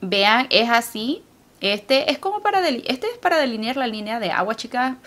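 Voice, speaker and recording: A woman's voice: fairly high pitch, sing-song, moderate pace, fairly bright tone. A Salvadoran woman with a Salvadoran Spanish accent, giving a casual makeup tutorial in a chatty way and often calling viewers "girls". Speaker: makeup vlogger.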